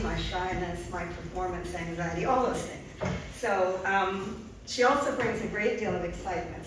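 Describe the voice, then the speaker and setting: A woman's voice: medium pitch, background noise. An older woman, a poet and art therapist, reading her poems at an open mic, talking earnestly with frequent ums between lines. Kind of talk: live poetry reading with spoken asides. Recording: very echoey room, distant mic, audible ambience.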